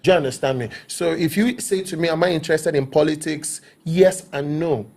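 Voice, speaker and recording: A man's voice: on the high side, fairly quick, darkish tone. A middle-aged Nigerian man with a Nigerian accent, an actor speaking as an interview guest in an emphatic, preaching way that keeps checking he is understood. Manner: emphatic, preaching, repeats himself with "do you understand me?". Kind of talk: interview talk.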